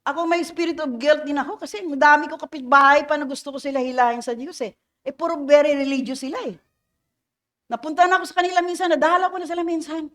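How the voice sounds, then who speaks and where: A woman's voice: sits high, fairly even intonation, fast, fairly bright tone. A middle-aged woman pastor with a Filipino accent, preaching a Sunday sermon in a playful, teasing way and often quizzing her congregation. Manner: mixes English phrases into Filipino preaching, asks the congregation questions; playful teasing, laughs between points.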